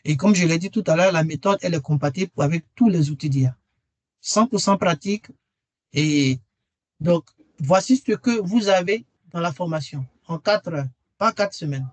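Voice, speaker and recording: A man's voice: fairly high pitch, moderate pace, darkish tone, no echo. A man presenting a webinar and earnestly persuading listeners to join his training course, repeating key phrases for emphasis. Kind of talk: webinar sales pitch.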